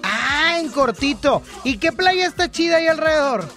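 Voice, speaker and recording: A man's voice: very high voice, lively intonation, moderate pace, bright, forceful tone. A man with a Mexican accent hosting a casual radio call-in show, playful and teasing with callers. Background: music playing.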